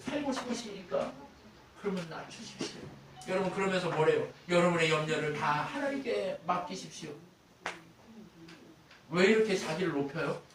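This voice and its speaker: Male pastor, high voice, animated sermon full of rhetorical questions; very echoey hall, mic set back. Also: normal speed, recorded from a distance, background noise. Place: church sanctuary.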